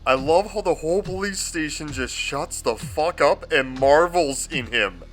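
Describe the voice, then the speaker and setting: A man with a high, bright voice delivers a comedic movie review. His pitch swings widely as he gushes, and he swears freely throughout. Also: measured pace, faint music behind. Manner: profane, excitable and gushing.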